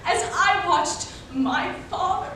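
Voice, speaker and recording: A young adult woman, a college speech competitor, delivers a dramatic readers theater monologue in slow, emphatic phrases, her high voice pushed and bright. She's recorded from afar in an indoor performance room that is very echoey, with a distant mic and noise.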